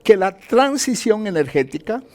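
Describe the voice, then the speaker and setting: A man's voice: sits high, very animated, moderate pace, darkish tone. A man speaking as an economist in an interview, explaining point by point and answering his own questions. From Colombia. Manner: didactic, poses questions and answers them, enumerates points.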